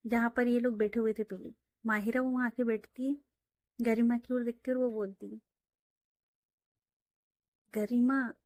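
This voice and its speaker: A woman's voice: fairly high pitch, flat delivery, brisk, darkish tone, no room sound, studio quality. Chatty woman telling a story. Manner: chatty, with frequent fillers. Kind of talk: casual story narration.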